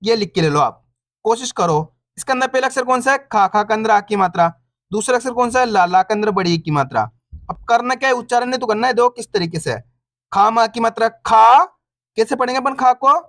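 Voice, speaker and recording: A man teaching reading online, sounding out syllables slowly, repeating each word and encouraging viewers as friends. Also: very high-pitched, lively intonation, fairly bright tone, dry recording, clean studio sound.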